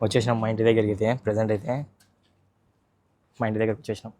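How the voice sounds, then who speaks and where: A man's voice: on the low side, monotone, rapid-fire, dark tone. A young man narrating a casual vlog, chatty and teasing as he talks straight to viewers. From Andhra Pradesh, India. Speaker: vlogger.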